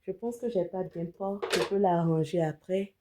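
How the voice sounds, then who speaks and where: This woman, a beauty vlogger and image consultant, has a slight cold as she chats through a casual wig unboxing, mixing in English words. She speaks at a normal speed in a fairly low, steady voice, with some background noise behind her.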